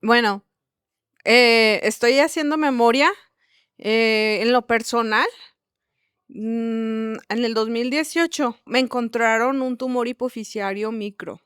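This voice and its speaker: A woman's voice: a little high, a bit bright, smooth, no room sound, clean studio sound. A woman hesitantly sharing a personal testimony in a casual group. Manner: hesitant, searching for words.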